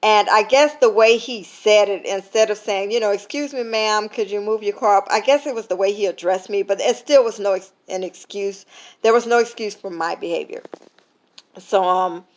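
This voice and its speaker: At medium pitch and normal speed, a tired woman vlogger talks casually and reflectively to camera to share a faith lesson. She uses many fillers and retells an everyday story, quoting the lines people said.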